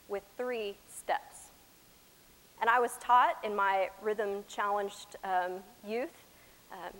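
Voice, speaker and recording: A Texan woman with an American accent preaches a sermon to a congregation in a large chapel, her somewhat high voice using deliberate, emphatic phrasing, dramatic pauses and shifts from loud to soft. The echoey hall gives the recording a long reverb.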